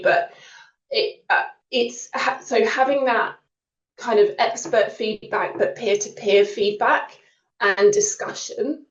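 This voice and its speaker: Heard from a distant mic over a slightly dull video call, a woman with a mid-range voice talks from an indoor room with a roomy sound. She is a creative writing panelist at an online open day, giving a relaxed, reflective and explanatory testimonial.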